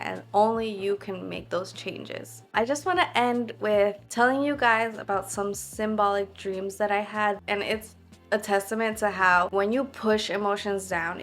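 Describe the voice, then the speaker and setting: With a medium-pitched, fairly bright voice, a young woman talks earnestly to her camera in a relaxed, reflective vlog. The word "like" shows up constantly as filler.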